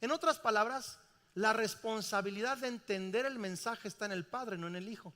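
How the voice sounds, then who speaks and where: In a large church, a middle-aged pastor with a high voice preaches at a moderate pace, the sound filling the big space. His delivery is animated, full of questions aimed at the congregation.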